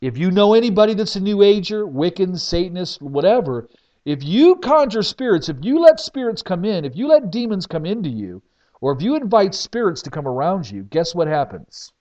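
A man preaching as a pastor, telling stories in an emphatic way with sudden swings between loud and soft. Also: sits high, sing-song, brisk. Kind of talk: sermon testimony. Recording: dull lo-fi recording.

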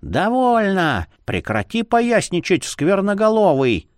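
A man's voice: medium pitch, big pitch swings, dry recording, clean studio sound. Man doing a stern old librarian woman. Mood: shrill. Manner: scolding, haughty, slow and emphatic. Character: stern, sharp-tongued old female librarian, grey-haired.

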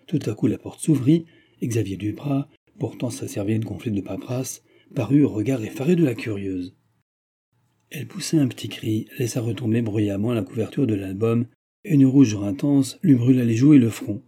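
A man narrating a classic novel as an audiobook in a measured, even manner. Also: medium pitch, slightly rough. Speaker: audiobook reader.

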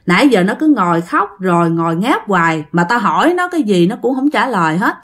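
Brief: woman doing a worried aunt, urgent and blunt, lowered voice, Southern Vietnamese accent. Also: sing-song, fairly quick, fairly bright tone. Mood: frightened urgent. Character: worried middle-aged aunt, frightened and urgent.

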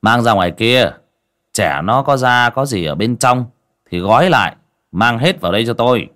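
A man voicing a hot-tempered young male exorcist, gruff and cursing through clenched teeth. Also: mid-range voice, lively intonation, normal speed, fairly bright tone, natural voice. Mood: commanding.

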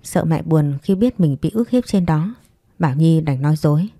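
A woman narrating a romance story aloud in a calm, even storytelling manner. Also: sits low, normal speed, no echo, clean studio sound. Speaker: audiobook narrator. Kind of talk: scripted narration.

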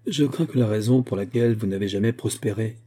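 A male audiobook reader voicing a devoted young woman who speaks gently and pleads with her father. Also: lowish voice, fast talker, lightly acted. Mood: hesitant.

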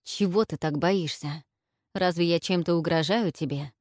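An earnest young warrior in love, as a woman reader voices him, plain-spoken and steady. The voice stays low and close to the narrator's own. It is recorded dry and close. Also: normal speed, dry recording, natural voice.

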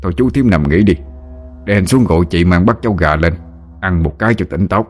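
A man doing a gruff, grumbling old village man. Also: deep voice, a little fast, faint music behind. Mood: relieved. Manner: grumbling, scolding. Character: gruff older village man, fretful and impatient.

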